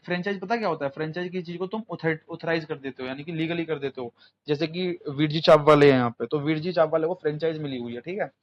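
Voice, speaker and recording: A young man runs an exam coaching class, talking in casual Hindi laced with English words and firing questions at his students. His voice sits a little high. The audio is muffled and lo-fi, with faint room noise behind him. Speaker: English teacher.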